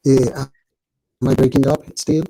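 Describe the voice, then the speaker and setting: A man's voice: mid-range voice, level tone, unhurried, dark tone, slightly rough. A man calling into a live stream, talking hesitantly with many fillers, his built-in mic clipping and distorting. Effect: clipping, distorted built-in mic audio. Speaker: caller. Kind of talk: casual call-in chat.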